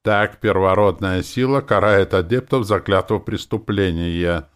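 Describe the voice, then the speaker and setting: A man's voice: sits low, a little slow, smooth, voice pushed up. A man voicing a crude, gloating female demon in an audiobook, with a growling, sardonic way of talking. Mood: grim. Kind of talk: audiobook character voice.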